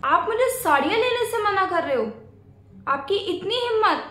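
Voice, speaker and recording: A woman's voice: sits high, unhurried, a bit bright, roomy sound, slight background noise. Woman playing a spoiled greedy sister-in-law. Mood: indignant. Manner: demanding, whiny, bossy. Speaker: husband's sister. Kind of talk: family skit drama.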